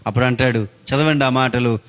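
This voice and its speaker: A man's voice: mid-range voice, steady tone, fairly quick, a bit bright. A man preaching a sermon, telling a story dramatically with big rises and falls in his voice. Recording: long reverb of a hall.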